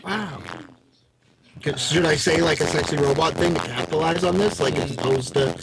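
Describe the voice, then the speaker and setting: A man calling in to a podcast over a video call, yelling through a running fan that distorts his voice, jokey and self-mocking. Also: on the high side, moderate pace, gravelly, noisy background. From Massachusetts, USA. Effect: voice distorted, yelling into a running fan over a glitchy video call. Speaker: podcast guest. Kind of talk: casual joking chat over a video call.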